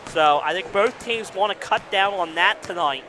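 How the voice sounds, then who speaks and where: Guy doing color on a hoops game, slightly high voice, halting and chatty, loud gym noise behind. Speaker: sports color commentator. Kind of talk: live basketball analysis. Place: indoor school gymnasium. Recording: noisy gym with bouncing balls.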